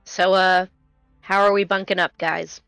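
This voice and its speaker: A woman's voice: medium pitch, level tone, unhurried, creaky, fairly bright tone, no echo, soft background music. A woman chatting casually as a player in a tabletop game.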